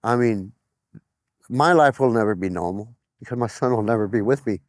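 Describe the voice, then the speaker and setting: A middle-aged man speaks plainly in an interview, offering personal testimony and often retelling conversations as quoted dialogue. His voice sits on the low side at a moderate pace, recorded with clean studio sound and no echo.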